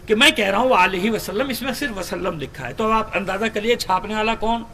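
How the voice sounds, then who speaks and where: A man with a Pakistani Urdu accent giving a sermon and reading hadith, asking his listeners rhetorical questions and chanting the Arabic slowly. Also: sits high, lively intonation, sharp tone, a little hiss or hum. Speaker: Shia cleric.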